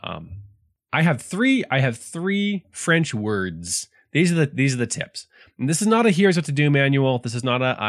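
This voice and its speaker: A man co-hosting a casual chat, explaining a book in an animated way with many fillers and restarts. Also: medium pitch, no echo, studio quality. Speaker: podcast co-host presenting a book.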